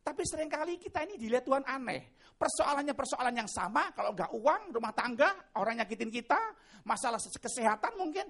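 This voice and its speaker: A male pastor preaching an animated sermon, addressing his congregation directly. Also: very high voice, fast, gravelly, husky.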